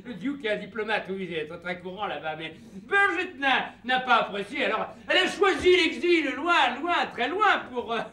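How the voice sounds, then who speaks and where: A flustered schemer who stammers and hams his way through a stage farce. His voice is high and bright, and he speaks slowly with wide swoops. The roomy stage echo carries the sound. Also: lively intonation, full character voice. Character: flustered male schemer improvising a cover story. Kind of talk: live stage farce acting. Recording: roomy stage recording, audience laughter.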